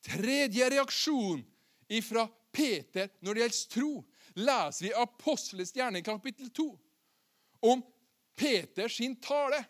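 A man's voice: extremely high pitch, lively intonation, fairly bright tone. A man preaching a sermon who keeps putting questions to his listeners. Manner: asks the listeners questions and acts out the quoted words.

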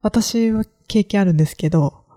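A woman's voice: mid-range voice, normal speed, mellow. A woman from Kagoshima hosting a solo podcast, talking in a reflective, hesitant way with many fillers. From Kagoshima, Japan. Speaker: podcast host. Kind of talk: solo casual podcast talk.

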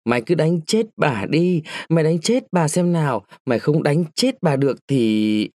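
A man voicing a quick-tempered peasant wife who scolds and shrieks at her household, in a dry, close storybook reading. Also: mid-range voice, sing-song, a little mellow, no echo. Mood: shrieking furious.

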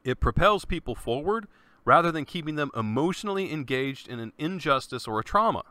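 A man's voice: on the high side, expressive, a little fast, sharp tone, no room sound. A man hosting his own podcast in a casual, earnest monologue, talking loosely and often saying "man". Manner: laid-back, earnest, peppers speech with "man" and swearing. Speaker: podcast host.

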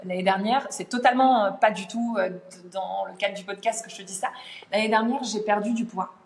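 A woman's voice: mid-range voice, a little fast, echoey room, a little hiss or hum. A woman language teacher, a podcast guest, talking animatedly in casual conversation and thinking aloud with many fillers.

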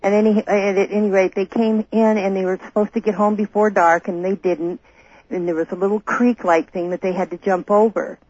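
A woman caller tells stories in a casual, personal way. Her voice is husky and comes through a dry, dull phone connection to a radio show. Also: medium pitch, flat delivery, brisk, a little mellow, no room sound.

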